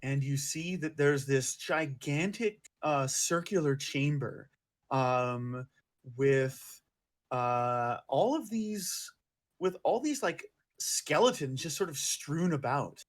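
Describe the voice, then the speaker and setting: A man's voice: fairly high pitch, takes it slowly. Man narrating a tabletop game. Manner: rambling, many fillers. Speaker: game master.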